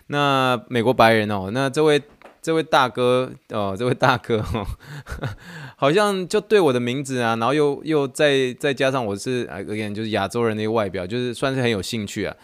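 A man from Taiwan, hosting a podcast as a casual, animated monologue and laughing often. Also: medium pitch, moderate pace, smooth, dry recording, clean studio sound. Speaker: podcast host.

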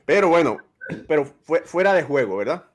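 A man's voice: fairly high pitch, very animated, moderate pace. A man hosting a casual podcast over a video call. He sounds earnest and fatherly, offering life advice. He often ends his sentences with a questioning tag. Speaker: podcast host. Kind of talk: casual chat, giving advice.

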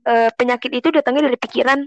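Casting: Jakarta-accented young female podcaster, informal peer chat, lightly high register, dry room-free sound. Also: fairly even intonation, rapid-fire, dry recording. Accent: Jakarta Indonesian. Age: young adult. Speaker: podcast co-host. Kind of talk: casual podcast chat with slang.

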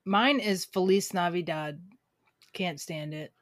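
A woman's voice: fairly low pitch, slow, no echo, clean studio sound. A woman co-hosting a podcast, chatting casually and laughing often. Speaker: podcast co-host. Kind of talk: casual chat.

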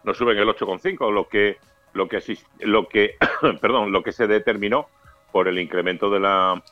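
A man's voice: fairly low pitch, fairly even intonation, moderate pace, dull audio, soft background music. A newly retired man in his sixties from Spain, chatting casually, swearing freely and laughing as he tells stories. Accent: Spanish. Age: 60s. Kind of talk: casual banter.

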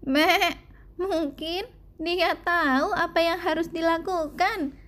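A woman's voice: very high voice, takes it slowly, a bit bright, pitched above the performer's own voice, exaggerated voice. Bleating friendly sheep, voiced by a woman. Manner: bleats "meh" around every line. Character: chatty bleating farm sheep, friendly helpers.

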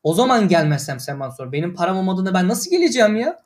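A man's voice: high-pitched, big pitch swings, quick pace. A young man ranting in casual slangy talk to his livestream viewers, exasperated.

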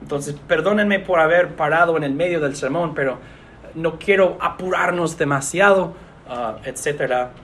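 A man, a pastor, preaching an earnest sermon in a measured way with pauses. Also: on the high side, a bit bright, a little hiss or hum.

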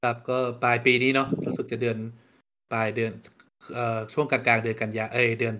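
A man's voice: mid-range voice, little pitch movement, brisk, pushed and bright, smooth. A man co-hosting a casual chat show, giving blunt opinions and complaints. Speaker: podcast co-host.

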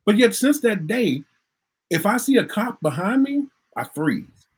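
A middle-aged man from Minnesota recounting a personal story in an animated way, repeating words and acting out the voices. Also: sits high, a little slow, breathy edge. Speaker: interviewee recounting a traffic stop.

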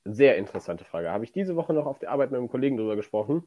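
A man's voice: medium pitch, sing-song, very fast, no room sound, lo-fi sound. Chatty man co-hosting a podcast, dry sound. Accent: Rhineland German. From Germany. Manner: chatty, rambling storyteller. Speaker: podcast co-host. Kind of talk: casual chat.

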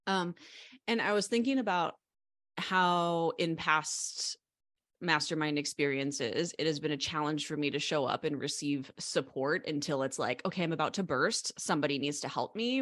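A woman's voice: sits low, no echo, studio quality. An earnest, reflective woman on the verge of tears, talking as a mastermind member in a group podcast chat. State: near tears.

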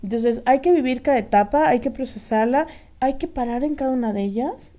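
A woman, speaking as a guest on grief, emphatic and animated with repeated lists. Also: high voice, a little fast. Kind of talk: casual panel talk.

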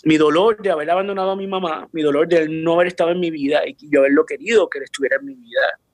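Man, faith testimony, earnest, restarts words, slightly high pitch, dry recording. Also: fairly even intonation, racing, no room sound. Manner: earnest, repeats and restarts words, drops English words into Spanish.

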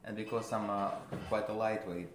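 A man with a Russian accent, a guest musician, talking casually in a halting way, searching for words with many fillers. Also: on the low side, flat delivery. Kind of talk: casual interview. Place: a friend's house. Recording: roomy with background noise.

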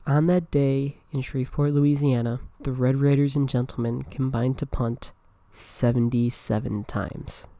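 A man's voice: medium pitch, fairly even intonation, measured pace, warm tone, no echo. Brief: male podcast host, conversational read-aloud narration, dry recording. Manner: casual and conversational.

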